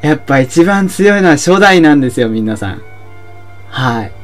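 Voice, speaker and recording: A young man giving excitable let's-play commentary, often shouting and laughing at the action. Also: fairly high pitch, moderate pace, faint music behind. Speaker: game commentator.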